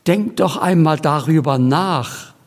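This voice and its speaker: A male preacher delivers a sermon at a very slow, deliberate pace, leaning on each phrase. His voice sits a touch higher than most men's and carries a long church reverb behind it. He mixes solemn emphasis with homely, chatty asides to the congregation.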